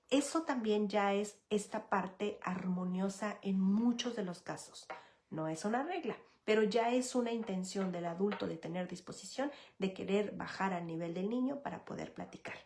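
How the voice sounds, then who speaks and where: A woman's voice: mid-range voice, a little mellow. A woman talks straight to parents in a live advice session. Her tone is earnest and explanatory as she runs through lists of examples, checking in often with a short question tag. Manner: addresses parents directly, often tags "¿ok?". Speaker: psychologist giving parenting guidance.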